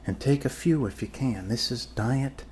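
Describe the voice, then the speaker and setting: A calm, quirky male doctor tending a zombie bite is the character in this improvised ASMR role-play. The man reassures his patient haltingly in a mid-range voice, trailing off into fillers and pauses, over a little hiss or hum.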